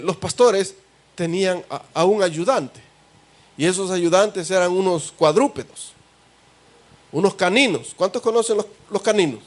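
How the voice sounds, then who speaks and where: A man with a Salvadoran accent preaching a sermon as pastor, talking conversationally and asking the congregation rhetorical questions. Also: high-pitched. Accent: Salvadoran Spanish. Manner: conversational, asks the congregation rhetorical questions and calls them brother.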